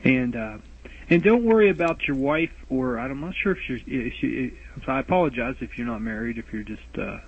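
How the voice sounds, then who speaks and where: A man leaves a rambling voicemail for podcast hosts, going in circles, restarting, interrupting himself and worrying about his lisp. His medium-pitched voice is husky with lively intonation, at a normal speed. It's captured on a phone voicemail recorder, sounding tinny like a phone-line message.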